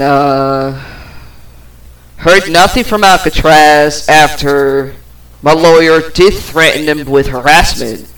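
Heard on a rough recording, this low-voiced podcast host goes on a rambling personal rant. She drifts off with fillers and swears occasionally.

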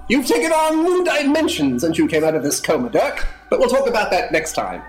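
A man's voice: sits high, wildly swooping pitch, a little fast, reverberant. A man playing a pompous British blackguard. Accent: put-on British. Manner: pompous, boastful. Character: pompous British male villain Cyril. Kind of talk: comedic audio drama.

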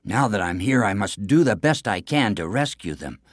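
A man's voice: fairly low pitch, animated, moderate pace, dry recording, studio quality. A man voicing a plucky, earnest young prince in a near-ordinary voice.

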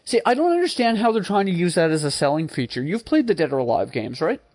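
A man's voice: high-pitched, very animated, fast talker, darkish tone. A man co-hosting a gaming show in casual banter, joking and ranting with plenty of swearing. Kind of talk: casual video game banter.

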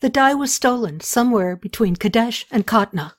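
A woman voicing a soft-spoken, loyal male royal scribe who delivers bad news quietly. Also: animated. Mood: grave. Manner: quiet, low and measured.

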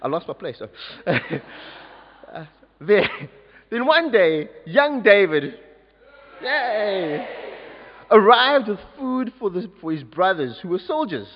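A man leads an interactive children's story at a church service and cheerfully coaxes everyone to join in. His voice is high and animated, and he speaks slowly. The recording is dull and lo-fi, with a long hall reverb. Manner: animated, coaxing audience participation. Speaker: youth leader telling a story at a service. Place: large church.

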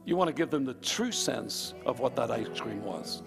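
A preacher from Northern Ireland delivers a live sermon to a congregation in a church hall with music behind him, repeating himself with fervent emphasis. His medium-pitched voice is gravelly, with lively intonation and a moderate pace.

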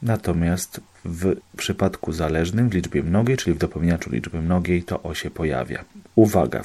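A man's voice: low-pitched, dark tone. A man, a student explaining course material, working methodically through examples one by one in a lesson.

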